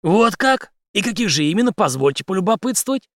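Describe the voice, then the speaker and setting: A man's voice: sits high, big pitch swings, a little fast, no room sound, studio quality, voice pushed up. A man voicing a confident, mocking male special-forces commander who speaks in a cool, menacing way. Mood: coolly menacing.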